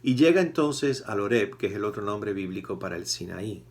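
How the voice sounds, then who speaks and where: A priest giving a conversational sermon, acting out quoted voices with animated swings. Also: male voice, fairly low pitch, brisk.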